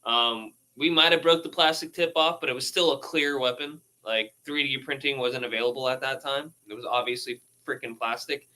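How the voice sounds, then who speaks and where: A laid-back man riffing on news headlines in a rambling, casual way. His voice is bright and forward, and he swears freely and laughs between his asides. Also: mid-range voice, normal speed, hardly any pauses, poor audio. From United States. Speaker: streamer reading news posts.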